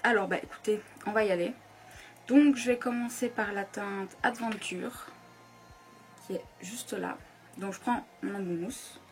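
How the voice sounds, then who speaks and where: A woman's voice: medium pitch, unhurried. Chatty young woman doing a makeup tutorial. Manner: chatty, talks softly so as not to disturb. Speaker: beauty YouTuber. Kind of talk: casual makeup tutorial chat. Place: home room at a makeup table.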